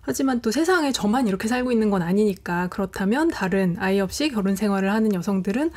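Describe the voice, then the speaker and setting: A woman in her forties with a soft-toned, mellow voice talks as a guest author on a panel. She explains herself in a composed way, at an average pitch. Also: lively intonation, fast talker. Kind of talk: panel discussion talk.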